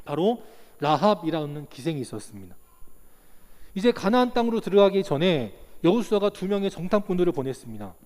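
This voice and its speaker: A male pastor in his thirties delivers a sermon with a high, lively voice that rises and falls widely. He asks his listeners questions and acts out the people in his stories. His voice rings out in the long reverb of a church hall. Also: brisk. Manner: animated preaching, acts out quotes, rhetorical questions. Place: church sanctuary.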